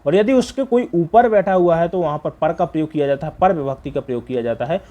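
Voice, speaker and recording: Man, fairly high voice, exam revision teacher, repeats each answer as a question, checking fillers. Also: quick pace, dark tone, lo-fi sound. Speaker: Hindi grammar teacher.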